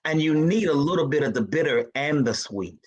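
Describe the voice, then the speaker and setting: A man's voice: on the high side, lively intonation, brisk, a loud crowd. A man moderating a church panel, playful and teasing as he talks. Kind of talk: casual church panel talk. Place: church event room.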